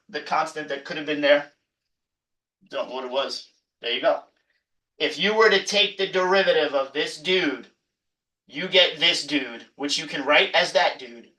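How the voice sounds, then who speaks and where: A man's voice: fairly high pitch, bright, forceful tone. A man professor giving an exam review lecture, emphatic and jokey, often repeating himself. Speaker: math professor. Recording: echoey room, mic far off.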